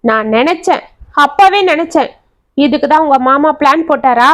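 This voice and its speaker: A woman's voice: high-pitched, moderate pace, a bit bright. A woman voicing a caring, protective schoolteacher who asks anxious, probing questions. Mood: alarmed. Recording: dry, slightly dull audio.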